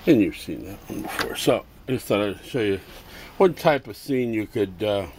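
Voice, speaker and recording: With a fairly low voice and lively intonation, a middle-aged man rambles through a casual vlog of his customized toys and crafts. He films first-person by hand in his cluttered home workshop and garage, with halting, self-amused asides. The camera audio is noisy.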